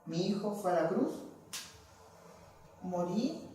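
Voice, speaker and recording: A man's voice: sits high, expressive, takes it slowly, dark tone. Echoey emphatic man preaching. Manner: emphatic, rhetorical questions, repeated phrases. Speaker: preacher leading a Bible study. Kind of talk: sermon. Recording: echoey hall, mic at a distance.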